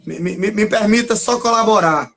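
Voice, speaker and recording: A man's voice: high voice, normal speed, a bit bright. A man with a Brazilian Portuguese accent, a teacher chatting on a live stream, who jokes and chimes in with short agreements. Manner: joking, then chiming in with short agreements. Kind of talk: casual chat on a live stream.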